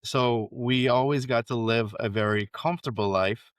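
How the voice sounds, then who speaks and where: A man as a podcast guest, recounting his background in a steady, explanatory way. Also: mid-range voice, normal speed, no room sound. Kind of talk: conversational interview.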